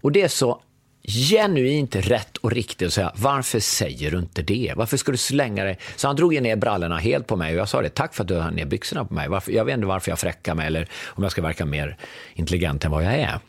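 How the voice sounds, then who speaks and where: A man's voice: sits low, vocal fry, slightly rough, no echo. A man in his fifties, a guest and former business consultant, telling a story in conversation and acting out the dialogue. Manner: animated, acts out quoted dialogue.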